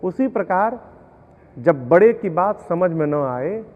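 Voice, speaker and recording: High-voiced man giving devotional discourse. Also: animated, takes it slowly, big-room sound, narrow, tinny audio. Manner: explains scripture with verses and parables. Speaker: Ramayana storyteller. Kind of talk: devotional discourse with sung verses.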